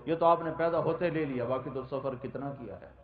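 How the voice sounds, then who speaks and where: A man delivers an emotional sermon in a somewhat high voice, building rhythmic lists and chanted verse with fervor. The recording is muffled and lo-fi, with a roomy echo. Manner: impassioned, rhythmic, recites verse and long lists. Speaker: preacher. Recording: echoey, dull lo-fi hall recording.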